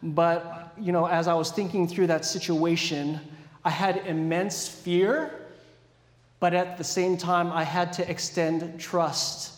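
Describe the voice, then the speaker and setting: Man, pastor, high voice, animated storytelling, self-deprecating humor, echoey church hall, long reverb. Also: slow pace. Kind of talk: sermon with a personal story.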